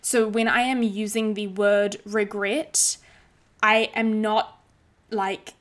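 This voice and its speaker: A woman's voice: mid-range voice, little pitch movement, slow, fairly bright tone. A woman hosting a casual solo podcast, chatting in an informal, sweary, playfully dramatic way with rain behind her. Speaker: podcast host. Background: heavy rain.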